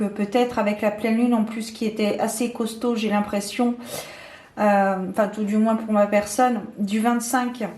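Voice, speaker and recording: Woman tarot reader, slightly high voice, hesitant and full of fillers, roomy echo. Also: a little mellow. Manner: hesitant, many fillers and restarts. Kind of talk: casual tarot reading to camera. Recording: echoey room.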